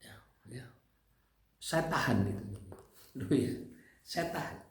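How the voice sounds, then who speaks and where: A man's voice: medium pitch, expressive, slow, reverberant, a little hiss or hum. A man with a Javanese accent recounting his own experiences in casual spoken testimony, habitually tagging his sentences with little checking phrases. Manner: conversational, tags phrases with "gitu loh, ya". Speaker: speaker sharing personal experience.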